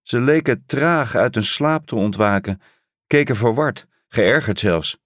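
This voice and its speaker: A man reading a story aloud as narrator, in a measured, solemn, dramatic way. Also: medium pitch, expressive, fairly bright tone, no echo, studio quality. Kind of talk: scripted audiobook narration.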